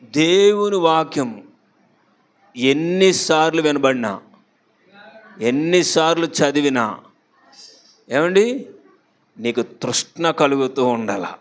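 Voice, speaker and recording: A pastor with a Visakhapatnam accent, preaching a sermon to a congregation in a chatty way, often putting questions to them. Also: male voice, fairly high pitch, animated, takes it slowly, pauses often. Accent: Visakhapatnam Telugu. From Andhra Pradesh, India.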